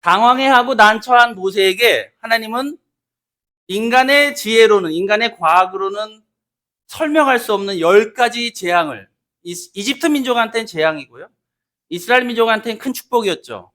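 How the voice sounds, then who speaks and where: Man, sermon, high voice, bright and forceful tone, asks the congregation questions, acts out quoted lines. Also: animated, moderate pace. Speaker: preacher. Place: church sanctuary.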